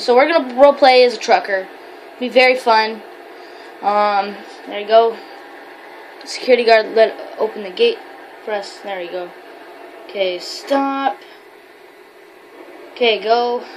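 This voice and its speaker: Lady gamer playing trucker, rambly, lots of ums, kinda high voice. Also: a little hiss or hum, rough recording. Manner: rambling and chatty, many fillers and self-corrections. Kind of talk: gameplay commentary, trucker role-play.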